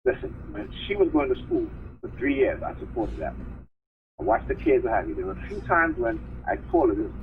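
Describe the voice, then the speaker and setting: A man's voice: medium pitch, sing-song, fairly quick. A man calling in to a live stream, telling a long, aggrieved story in a rambling way and checking in with "right?" and "okay?". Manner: aggrieved, repeats himself, leans on "right?" and "okay?". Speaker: caller on a support live stream. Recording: narrow phone line with faint hiss.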